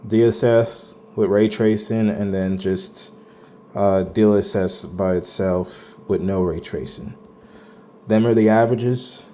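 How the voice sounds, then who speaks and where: A man's voice: on the low side, mellow, slight background noise. A man casually walking through his own hardware benchmark results, talking in a loose, rambling way with slang and some swearing. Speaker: tech channel host.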